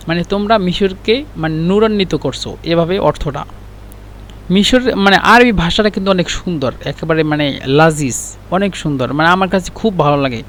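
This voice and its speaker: A man's voice: on the high side, fairly bright tone. A man giving a casual Arabic lesson, chatty and full of restarts. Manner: chatty, with many fillers and restarts. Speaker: Arabic language teacher. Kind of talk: casual spoken lesson with an anecdote.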